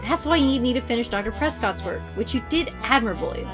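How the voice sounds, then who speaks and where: A woman voicing a pompous villain mastermind in a boy's body for a story game, with slow, theatrical, condescending menace. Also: on the high side, animated, over music, natural voice. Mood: smug. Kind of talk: voiced reading of story game dialogue.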